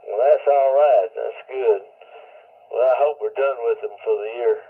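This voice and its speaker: A man's voice: mid-range voice, a little slow, breathy edge. Man over crackly ham radio. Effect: ham radio transmission with static. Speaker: net control operator. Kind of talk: running a ham radio check-in net. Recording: tinny narrow radio signal.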